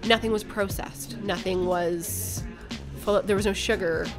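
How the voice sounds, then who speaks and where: A woman's voice: mid-range voice, steady tone, unhurried, music in the background. A woman guest on a podcast, telling a personal story in a candid, blunt way and swearing casually. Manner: candid, blunt, speaks her mind.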